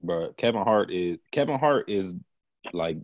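A man's voice: deep voice, animated, measured pace, dry recording, lo-fi sound. A man hosting a casual podcast chat, slangy and often putting questions to his friends. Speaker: podcast host.

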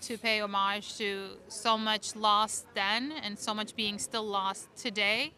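This Turkish podcast co-host has a mid-range, steady, sharp voice and speaks slowly, chatting casually with lots of "like." She's outdoors at a city restaurant, with crowd and traffic noise from the busy street in the background.

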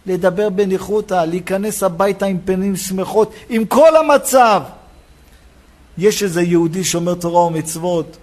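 A rabbi preaching a sermon in a synagogue, telling a personal story and acting out the dialogue. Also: male voice, sits high, hardly any pauses. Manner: animated storytelling, acts out dialogue.

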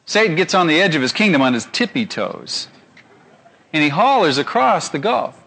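High-pitched preacher guy, swoops all over, keeps asking the crowd stuff. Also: moderate pace, vocal fry. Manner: animated, keeps asking the audience questions. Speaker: pastor. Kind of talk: sermon.

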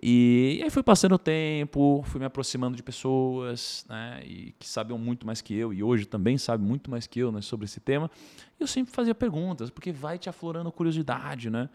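A man, a podcast guest telling a personal story in animated casual conversation. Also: medium pitch. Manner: animated, tags sentences with quick asides.

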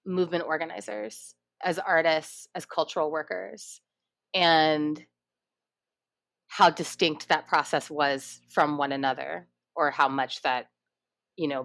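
A woman's voice: low voice, fairly bright tone. A woman interviewer asking a long question, with searching, hesitant phrasing.

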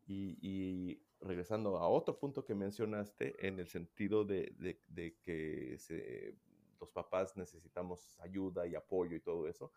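A man who works in child welfare, explaining in a casual conversation and acting out loud and hushed examples. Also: deep voice, measured pace, gravelly.

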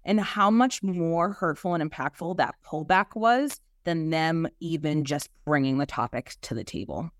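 A woman's voice: low-pitched, normal speed, few pauses, dry recording, studio quality. A woman with a Boston accent answering as an interview guest, conversational and emphatic, often ending her points with a questioning tag. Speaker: interview guest, human resources executive.

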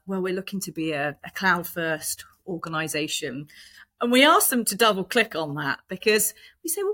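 Bright, forceful woman, low-pitched. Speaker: podcast guest, department head at a tech company. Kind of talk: conversational business explanation.

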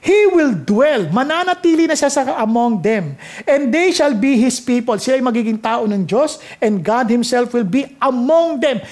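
A woman with a Filipino accent preaching a sermon, switching freely between English and Tagalog, reading scripture slowly and building to heartfelt, emotional high points. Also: expressive, darkish tone. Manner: earnest, reads scripture slowly and rises to emotional peaks.

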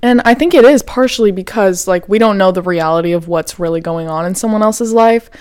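A young woman talks through her solo podcast in a loose, candid way, swearing freely and filling every pause with "like". Her voice is smooth and clear at an ordinary pitch. The sound is dry and close, with no room around it. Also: darkish tone, no echo. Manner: chatty, profane, says "like" a lot, laughs often. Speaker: podcast host. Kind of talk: casual solo podcast talk.

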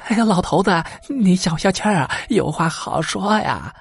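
A man's voice: high voice, animated, normal speed, vocal fry, husky, soft background music, voice pushed up, exaggerated voice. A man voicing an anxious elderly village wife who pleads with her husband. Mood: pleading. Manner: pleading, fretful.

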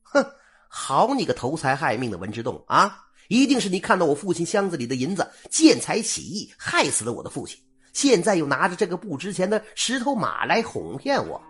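Scheming young stepson, shrill and fast, all bluster, put on by a male storyteller. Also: wildly swooping pitch, fairly bright tone, husky, full character voice. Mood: angry. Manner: blustering, accusing, then stammering.

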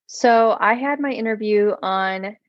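A young woman in her early twenties, a physical therapy student, telling her story in a casual interview with animated quoted voices, fillers and laughs. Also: unhurried, no room sound. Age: early 20s. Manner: animated storytelling, acts out quotes with excited high pitch. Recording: dull lo-fi dry sound.

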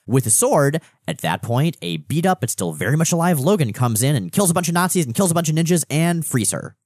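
A man co-hosting a comics podcast tells the story with playful enthusiasm. His pitch swings up and down a lot as he narrates. The sound is close and dry. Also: very animated, fairly quick, darkish tone, no room sound. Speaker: podcast co-host. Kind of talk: casual chat recapping comics.

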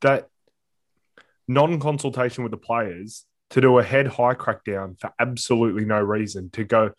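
A man's voice: mid-range voice, moderate pace. An Australian man giving blunt, sweary opinions as a panellist in casual sports chat. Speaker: podcast panellist.

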